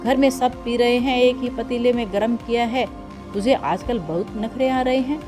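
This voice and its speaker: A woman's voice: a little high, normal speed, over music, natural voice. A woman voicing a spiteful, scheming elder sister-in-law who talks with scorn and threats in a read-aloud family story. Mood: scolding.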